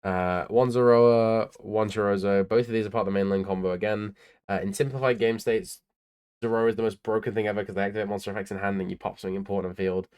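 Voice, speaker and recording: A man's voice: lowish voice, steady tone, fast, a little mellow, clear, resonant tone. A tired young man casually talking through his tournament card deck in a laid-back, rambling way, with lots of ums and uhs. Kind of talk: casual deck profile talk.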